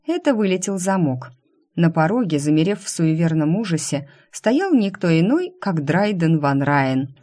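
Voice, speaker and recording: A woman narrating a first-person novel as an audiobook, with a wry, expressive reading. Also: on the low side, normal speed.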